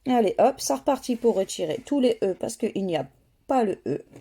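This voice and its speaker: A woman giving slow, methodical running commentary as she scratches lottery tickets, spelling out letters one by one. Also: on the high side, lively intonation, mellow, breathy edge.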